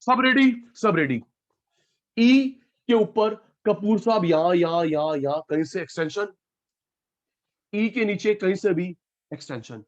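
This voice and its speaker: A man's voice: high voice, a little slow, a little mellow, muffled recording. A male teacher running an online class, calling out students by name and repeating key terms again and again.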